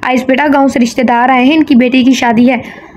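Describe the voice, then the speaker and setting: A woman's voice: high-pitched, steady tone, fairly quick, slight background noise, lightly acted. A woman voicing a firm, caring middle-aged mother in an audio novel, instructing in tone.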